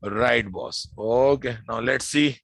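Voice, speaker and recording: A programming instructor with a Telugu Indian accent teaches a live class in an informal technical lecture, repeating phrases and frequently quizzing his listeners. His medium-pitched voice is slow, a bit bright, with vocal fry, in a dry recording.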